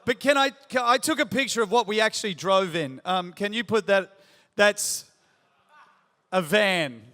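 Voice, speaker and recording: A man's voice: sits high, normal speed, bright, forceful tone. A man in his forties preaching a sermon, telling a story with self-deprecating humor and building to emphatic questions. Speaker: pastor. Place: large church auditorium. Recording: long hall reverb.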